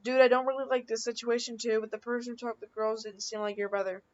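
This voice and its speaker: A woman's voice: fairly high pitch, little pitch movement, fast talker, darkish tone, lo-fi sound. A woman reading out chat messages in improvised, unscripted commentary, rambling with frequent restarts and fillers. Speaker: channel creator reading screenshots.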